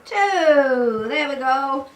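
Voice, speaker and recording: An older woman, coaxing a toddler in sing-song baby talk at home, sometimes dropping to soft murmurs. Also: high voice, expressive, drawn-out words, reverberant. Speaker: grandmother playing with a toddler. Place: family home, indoors. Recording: distant home-video audio with background noise.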